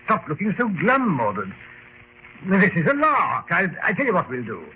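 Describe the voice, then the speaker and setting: In a 1950s radio drama, a male actor plays a confident English aristocrat who jovially scorns ghost legends, using hearty, breezy, old-fashioned upper-class diction. His voice is high-pitched with huge pitch swings, and he speaks at normal speed. The old radio recording is noisy and lo-fi.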